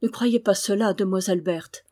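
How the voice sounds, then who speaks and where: A woman's voice: mid-range voice, normal speed, dark tone, natural voice. A woman reading the lines of a humble, timid young girl, anxious and self-effacing. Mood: frightened.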